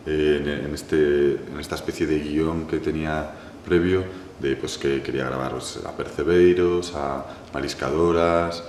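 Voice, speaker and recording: A man from Galicia, a filmmaker answering an interview slowly, pausing often and adding "¿no?" to his thoughts. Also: extremely low pitch, slight background noise. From Galicia, Spain. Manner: thoughtful, many pauses, restarts and "¿no?" tags. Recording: echoey room with faint ambience.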